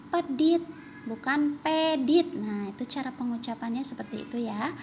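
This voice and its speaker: Female primary teacher, Sundanese accent, high voice, careful drilled pronunciation, light hiss behind. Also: a little mellow. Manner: slow, careful enunciation of example words, then quick asides. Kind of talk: recorded remote lesson for young pupils.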